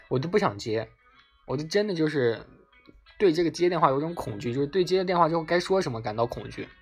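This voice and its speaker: A man telling a personal story in casual speech. He gets excited and repeats words for emphasis. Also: medium pitch, husky.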